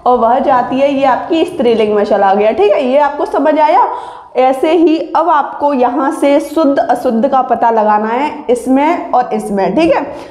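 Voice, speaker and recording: A woman teaching grammar in an exam-prep lesson, with a high voice that takes its time over each example sentence. Her explanations are patient and end with a quick check that students follow. The recording carries a noticeable room echo. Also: darkish tone.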